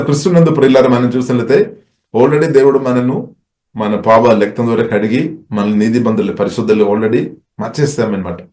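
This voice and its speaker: A man's voice: fairly low pitch, darkish tone, echoey room. A man preaching a sermon in a repetitive cadence, with frequent Hallelujahs and English words mixed into his speech.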